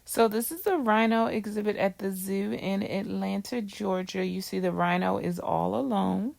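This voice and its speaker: A woman's voice: mid-range voice, steady tone, normal speed, vocal fry, darkish tone, slight background noise. A woman with a Baltimore accent, chatting casually as she narrates a zoo tour, with frequent ums and laughs. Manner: chatty, laughs often, fillers like um. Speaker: vlogger.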